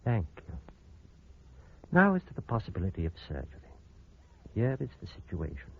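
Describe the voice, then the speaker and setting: A cold, calculating surgeon in an old radio drama, with a low, husky voice. His delivery is smooth and menacing, rising and falling with lively pitch. The sound is narrow and phone-thin, squeezed through an old AM radio broadcast. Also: heavily acted. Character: cold, scheming male surgeon. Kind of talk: 1940s radio acting.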